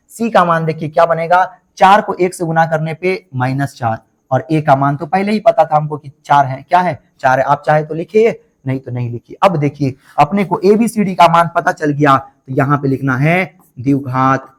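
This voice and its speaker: A man with a somewhat high voice teaches an online math class. He works through a problem step by step, asks the students a question at nearly every turn and answers it himself. He repeats key points in a coaxing way. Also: fairly bright tone. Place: online class, voice over board writing.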